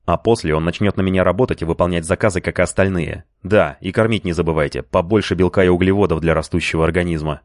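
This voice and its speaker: A man's voice: deep voice, quick pace, few pauses, no echo, studio quality, close to an everyday voice. A man voicing a violent, ruthless male crime boss who barks threats and orders in an audiobook. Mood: commanding. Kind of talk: audiobook character reading.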